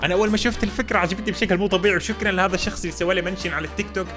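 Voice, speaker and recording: A young man giving excitable gameplay commentary, animated and quick to burst into loud exclamations and English slang. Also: high-pitched. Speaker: gamer streamer. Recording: music playing under the voice.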